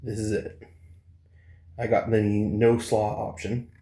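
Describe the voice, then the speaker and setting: A man's voice: fairly low pitch, level tone, takes it slowly, mellow. A man talking casually to viewers in an eating challenge vlog. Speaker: food challenge vlogger. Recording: roomy, echoing indoor sound.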